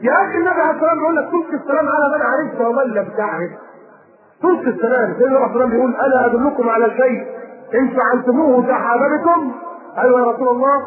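A man with an Egyptian accent preaching a sermon, animated and scolding, mimicking people as he goes. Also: extremely high pitch, racing, roomy sound, narrow, tinny audio, a crowd in the background. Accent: Egyptian Arabic. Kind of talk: recorded sermon lecture.

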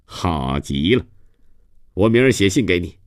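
A man's voice: low-pitched, big pitch swings, dry recording, studio quality. A man playing an evasive, boastful man. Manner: quick, impatient and fobbing off.

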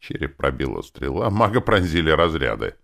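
A man with a bass voice and vocal fry narrates a fantasy audiobook in the first person at a moderate pace. His delivery is expressive, crude and sardonic.

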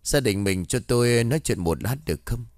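This is a gentle, patient monk in an audio ghost story, and he explains things with slow solemnity. His voice moves up and down a lot and sounds close and dry, with a male reader giving him voice. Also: mid-range voice, expressive, dry recording, natural voice. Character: calm kindly middle-aged male Buddhist monk.

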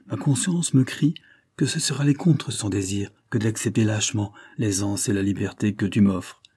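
Brief: male reader as a principled young man, earnest, husky low voice, audiobook. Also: normal speed, warm tone. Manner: earnest, conscientious.

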